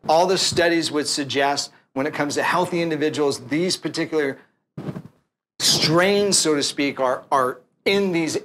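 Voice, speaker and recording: A man's voice: a little high, unhurried, a bit bright, a little hiss or hum. A man hosting a casual interview, talking loosely and with slang, often restating his guest's points. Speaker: host.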